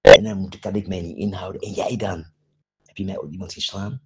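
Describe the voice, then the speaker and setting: A man delivering a rambling, profane rant at a friend, jumping between topics and swinging between low muttering and loud outbursts, often tossing in a questioning "eh?". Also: fairly even intonation, brisk, a little hiss or hum.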